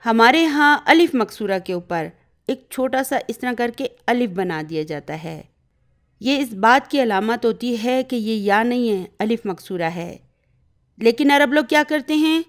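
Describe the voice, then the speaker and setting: A woman whose first language is Urdu gives an Arabic grammar lesson in a slightly high voice. She explains each point step by step and keeps checking that her students are following. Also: animated. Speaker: Arabic teacher.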